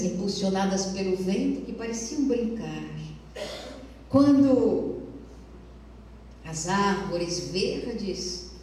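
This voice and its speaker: Woman giving a spiritual talk, slow lyrical storytelling, mic far off in a big echoey hall. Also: fairly low pitch, dark tone, slight background noise. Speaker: spiritist lecturer.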